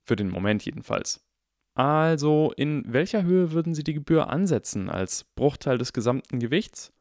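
A man voicing an eager, clever boy of about eleven in an audiobook, asking quick, earnest questions. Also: a little high, lively intonation, a little mellow, no echo, studio quality, pitched above the performer's own voice. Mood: businesslike. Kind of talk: audiobook character voice.

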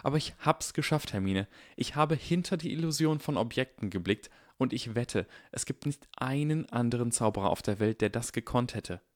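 A man voicing a clever, excitable young schoolboy wizard in an audiobook, eager and lecturing. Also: medium pitch, normal speed, hardly any pauses, dry recording, studio quality, voice pushed up, lightly acted. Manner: eager, lecturing, barely restrained. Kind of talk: audiobook character voice.

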